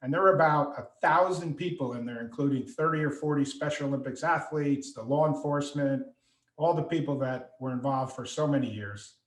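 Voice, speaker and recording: A man's voice: medium pitch, brisk. A middle-aged man telling a story over a video call, acting out the voices of the people in it. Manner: animated storyteller, acts out quoted voices. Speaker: author and speaker. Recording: echoey room on a call.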